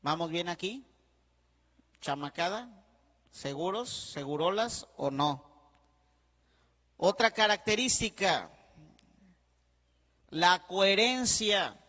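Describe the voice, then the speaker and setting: A priest lectures at a slow, deliberate pace, often repeating himself and checking in with the class. His voice sits high and bright. A long reverb hangs behind him, as if he were speaking in a large hall. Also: expressive. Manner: spells words out letter by letter. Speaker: priest teaching a diploma class.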